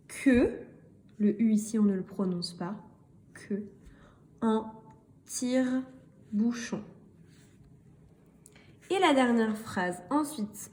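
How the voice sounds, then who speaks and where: A woman teaching a reading lesson and dictation to young children, speaking slowly, repeating each word and spelling out letters. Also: mid-range voice, dark tone. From France. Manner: very slow, deliberate, spells letters and repeats words. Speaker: primary school teacher.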